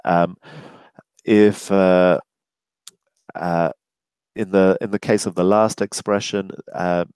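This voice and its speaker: A man teaching an English speaking-test webinar, talking deliberately with many fillers and modelling phrases with a rising tone. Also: low-pitched, little pitch movement, darkish tone, clean tone, no room sound. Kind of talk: webinar lesson.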